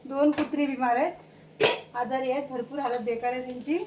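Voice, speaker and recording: A woman's voice: fairly even intonation, fairly quick, far from the mic, noisy background. Chatty woman in an echoey home kitchen. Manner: chatty, switches to high sing-song baby talk for her pets. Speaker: home cooking vlogger. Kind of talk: casual home vlog narration. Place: home kitchen with pets around. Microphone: phone held or propped while cooking.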